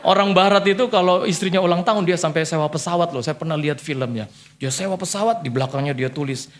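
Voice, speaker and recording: A man's voice: on the high side, fast. A male pastor preaching a humorous sermon, telling jokey stories and acting out the voices of the people he quotes. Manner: joking storyteller, acts out voices in quotes. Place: church.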